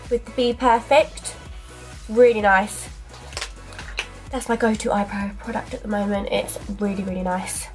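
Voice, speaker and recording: Snuffly with a cold, the young vlogger talks chattily while doing her makeup, scattering ums and asides throughout. Her voice is on the high side, picked up by a camera at arm's length in front of her in a small indoor bedroom dressing area, with faint music in the background.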